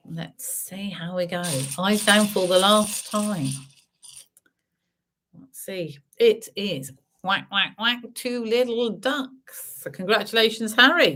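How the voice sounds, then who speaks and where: A woman's voice: mid-range voice, fairly bright tone. A woman hosting as a bingo caller, announcing numbers in traditional rhyming calls with chatty asides in between.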